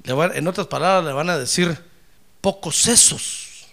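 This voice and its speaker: A man preaching a sermon in an animated way, with rhetorical questions, humor and loud exclamations of praise. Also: on the high side, quick pace, creaky.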